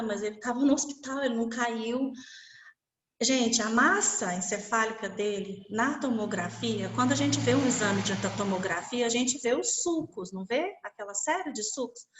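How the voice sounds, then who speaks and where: A woman's voice: a little high, roomy sound. A woman telling an emotional personal story to a class, acting out the people in it. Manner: vivid, animated, acts out quoted voices. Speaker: guest speaker sharing her story.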